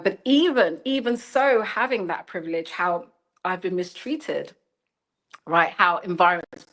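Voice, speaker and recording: An interview guest with a lowish, somewhat bright voice, she's a journalist and storyteller in her thirties who lives in China. Speaking reflectively, she searches for words, restarts often, and keeps saying "you know."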